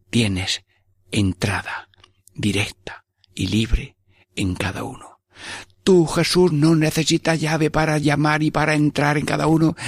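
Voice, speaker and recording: Gravelly low-voiced Spanish priest preaching. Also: male voice, no echo. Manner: speaks to Jesus directly in prayer, acts out little dialogues. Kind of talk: prayerful sermon.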